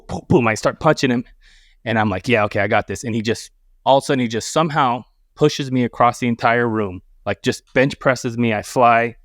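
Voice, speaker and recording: A man's voice: mid-range voice, no room sound. Male podcast guest, rowdy storyteller, swears freely, dry close mic. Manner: animated, profane, acts out dialogue. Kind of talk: casual storytelling.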